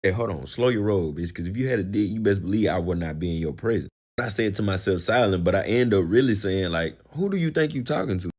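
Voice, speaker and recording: Fast-talking young man telling a story. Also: deep voice. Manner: profane, slangy, animated. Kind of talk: casual storytime monologue.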